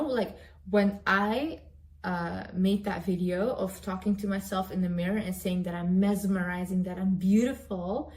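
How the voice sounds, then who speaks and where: A young woman, a motivational vlogger, gives an emphatic pep talk straight to camera in a medium-pitched, slightly mellow voice. She repeats phrases for emphasis and refers to herself in the third person.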